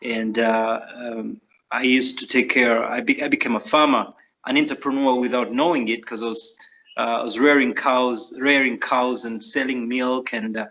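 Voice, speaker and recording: A middle-aged man with a Ugandan accent answers questions in an earnest, reflective way, often pausing with "uh" and "um." His voice sits at a middling pitch. The recording sounds muffled and lo-fi. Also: fairly even intonation, bright, forceful tone. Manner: earnest, reflective, frequent fillers. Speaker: guest author. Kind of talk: interview answers. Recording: muffled lo-fi audio.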